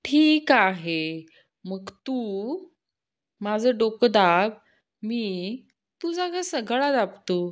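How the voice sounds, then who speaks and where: A woman's voice: fairly high pitch, sing-song, extremely slow, heavily acted. A woman voicing a sarcastic, bossy husband needling his wife.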